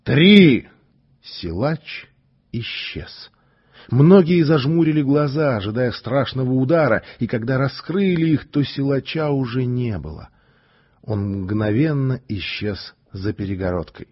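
A man narrating a story in an expressive, deliberate way, on a dull lo-fi recording. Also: mid-range voice. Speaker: audiobook narrator. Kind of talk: scripted narration.

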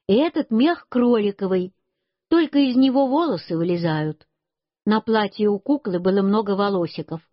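A woman's voice: medium pitch, husky, no room sound. A woman reading a children's story aloud in plain storytelling, told in a little boy's first person. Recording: dull lo-fi recording.

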